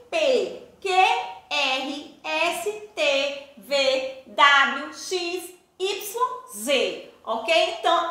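A Brazilian woman teacher speaks slowly in a very high, bright voice, explaining patiently step by step. Her pitch rises and falls a lot as she quizzes the class with rhetorical questions. The sound is very echoey, as in a bare room. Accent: Brazilian Portuguese. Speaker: primary school teacher. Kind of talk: recorded class lesson.

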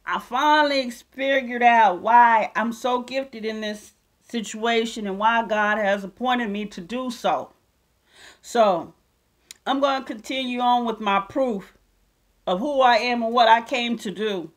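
A woman delivering a fiery vlog rant, mocking her critics one moment and preaching scripture the next. Her voice sits on the higher side for a woman, and her tone is combative and sure of itself. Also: measured pace. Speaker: self-styled prophetess vlogger. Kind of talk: ranting commentary and scripture reading.

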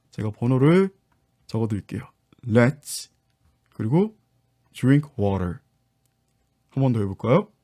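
Mellow-voiced male English teacher. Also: mid-range voice. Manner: patient, step-by-step explaining to viewers. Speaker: English teacher and book author. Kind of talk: online English lesson.

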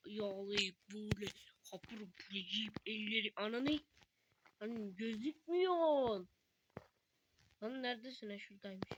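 A woman's voice: mid-range voice, sharp tone, slight background noise. A woman commenting casually on a game she plays with a friend, joking and swearing freely. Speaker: gaming video host.

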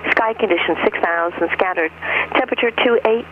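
A recorded airport weather broadcast heard over aircraft radio, reading numbers and runway instructions in a flat, clipped way. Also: medium pitch, a little fast. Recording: tinny noisy radio in a cockpit.

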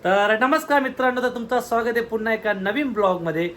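A man's voice: extremely high pitch, animated, fast, loud music behind the voice. A young man chatting casually to his vlog viewers, teasing friends with lots of laughter. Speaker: vlogger.

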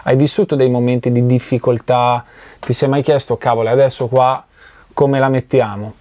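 A man from Italy hosts an interview in a mellow, mid-pitched voice. He asks questions attentively and often chimes in with short agreements. The sound is dry and close, as in a studio. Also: little pitch movement, normal speed, no room sound. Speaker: interviewer, channel host. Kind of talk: conversational interview. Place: recording studio.

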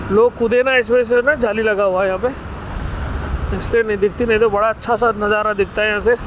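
An Indian vlogger with a high voice chats away in casual moto vlog commentary, calling his viewers guys. He rides a scooter through city roads amid traffic noise, then ends up indoors at an office. His delivery is fairly quick with fairly even intonation, and the highs are cut off.

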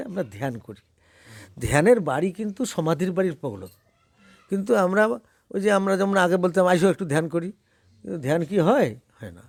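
A man leads a small group in spiritual teaching. His voice sits high for a man, and he asks his listeners questions as he explains. The sound is close and dry. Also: gravelly, dry recording. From Bangladesh. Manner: explains by asking questions, then chants slowly. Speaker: religious teacher.

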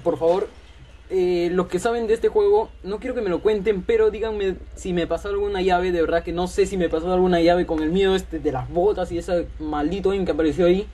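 A man's voice: high voice, steady tone, brisk, dark tone, poor audio. A man commentating a horror game, his voice trembling with fear as he mutters and yelps nervously. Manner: jittery, frightened exclamations and muttering. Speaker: gaming channel host.

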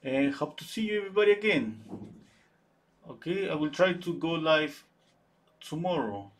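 Painting in oils on a livestream, a man talks through his thoughts, replies to chat messages from viewers, and frequently starts his sentences over. His voice is a little high with lively intonation, at an ordinary pace.

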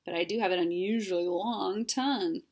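A woman's voice: medium pitch, normal speed, darkish tone, lightly acted. Woman as scruffy slobbering male monster; slurpy, whiny.

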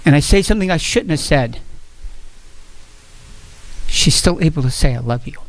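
A man's voice: a little high, normal speed. A man preaching a sermon at a church fellowship, earnest and repeating phrases as he goes.

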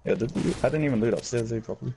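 Male gamer, New Zealand accent, dark gravelly tone, casual callouts, faintly noisy voice chat. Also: mid-range voice, rapid-fire.

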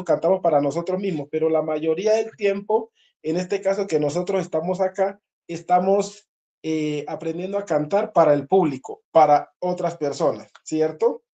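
In this group voice lesson, the teacher's mid-range voice has a dark tone. Patient explanations, repeated key points, and regular check-ins with listeners shape the session.

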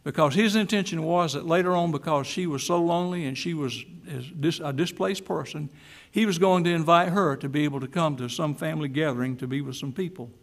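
A male pastor delivers a sermon in a church. His voice sits a little high and has a gravelly edge. He moves from storytelling into emphatic, repeated declarations. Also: fairly quick. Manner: storytelling then emphatic preaching.

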